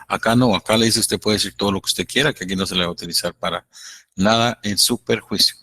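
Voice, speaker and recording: A man lecturing law students, explaining slowly and acting out courtroom exchanges. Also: lowish voice, steady tone, sharp tone, a little hiss or hum. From Guatemala. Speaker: law professor. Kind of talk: university lecture.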